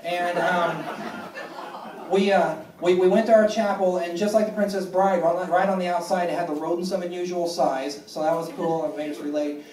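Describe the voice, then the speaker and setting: Man, stand-up comic, deadpan, halting with fillers, echoey club heard from far off. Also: high voice. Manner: deadpan, self-deprecating, halting with many fillers. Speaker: stand-up comedian. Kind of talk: stand-up comedy set. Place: comedy club stage. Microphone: phone recording from the audience. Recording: echoey room, mic far from stage.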